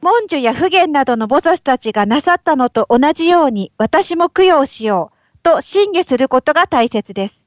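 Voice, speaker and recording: A woman with a high, light voice reads carefully through an online call. The audio is dull and lo-fi, and the choppy connection strips away any sense of room, leaving it close and dry. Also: animated, moderate pace, dry recording. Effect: heard over an online call with a choppy connection. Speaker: participant reading aloud in a study group. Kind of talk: reading a text aloud.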